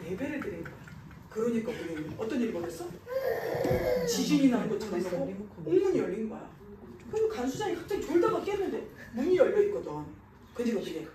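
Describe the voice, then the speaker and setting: Animated woman preaching to children. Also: high voice, very noisy. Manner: animated, asks the children questions and answers them. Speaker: children's pastor. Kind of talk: children's sermon. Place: church sanctuary. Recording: echoey church hall, mic far off.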